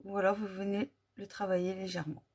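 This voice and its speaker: A French-accented woman talks through a craft haul in a slow, casual way. She reads out colour codes one by one and fills gaps with hesitant "euh" sounds. Her voice is soft and a little breathy, at a middle pitch. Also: little pitch movement. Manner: slow, careful listing of colour numbers with many fillers. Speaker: vlogger. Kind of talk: casual product review.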